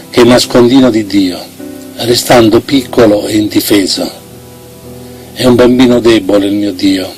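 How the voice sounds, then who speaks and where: A man's voice: medium pitch, low-quality recording. Man declaiming poetry theatrically over music. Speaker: poetry reciter. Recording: music bed behind the voice.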